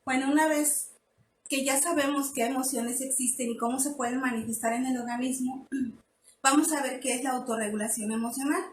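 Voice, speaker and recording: A woman's voice: sits high, fairly even intonation, normal speed, reverberant, a little hiss or hum. A woman leading a live online parenting workshop, explaining step by step with frequent restarts and fillers.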